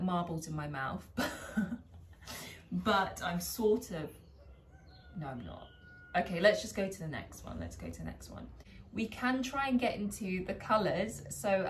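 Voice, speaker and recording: A British woman from England vlogs from her home garden, chatting casually and laughing at herself as she tries out foreign phrases. Her voice sits at a medium pitch, with slight background noise.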